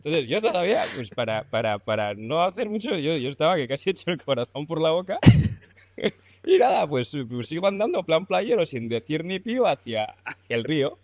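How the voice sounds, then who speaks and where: A man's voice: a little high, very animated, a little fast, no echo. A young man with an accent from Spain tells a story as a podcast guest, talking casually and colloquially, laughing often and swearing freely. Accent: Spain Spanish.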